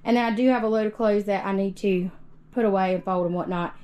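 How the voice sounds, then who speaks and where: A woman's voice: mid-range voice, fairly even intonation, quick pace, dark tone, poor audio. A young woman with a Southern US accent, chatting casually and folksily to viewers while she cleans her small kitchen. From Georgia, US. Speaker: cleaning vlogger. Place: small kitchen and living room of a trailer home.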